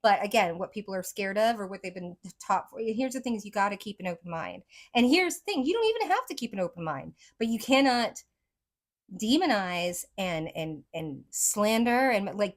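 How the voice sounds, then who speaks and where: A woman's voice: medium pitch, lively intonation, fairly quick. A woman psychic reader talking casually to her viewers, rambling with lots of "like" and "right?", her speech a mix of accents she picked up from many places.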